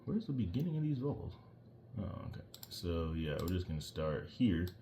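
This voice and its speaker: A man with a very deep voice talks through his own mixing session in a loose, offhand way. He rambles, drifts off topic now and then, and makes fun of his own skills. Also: sing-song, normal speed, warm tone, slight background noise. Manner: rambling, self-deprecating, digresses. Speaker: musician walking through his own mix. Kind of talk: casual screen-share tutorial.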